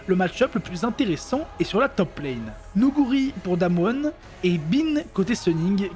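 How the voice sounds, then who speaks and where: A man's voice: high voice, a little mellow. A man delivering scripted narration for an esports report, in polished full sentences.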